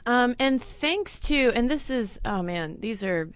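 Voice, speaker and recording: A woman's voice: fairly high pitch, lively intonation, unhurried, clear, resonant tone, no room sound. A woman co-hosting a casual chat, reading out facts and figures with playful asides. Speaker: podcast co-host.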